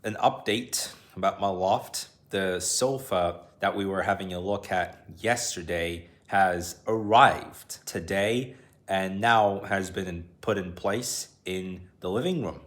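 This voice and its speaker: A man's voice: low voice, slow pace, a bit bright, no echo. A young adult man vlogging in a rambling, casual way, narrating whatever is in front of him. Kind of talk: casual video diary chat. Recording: faint background ambient noise.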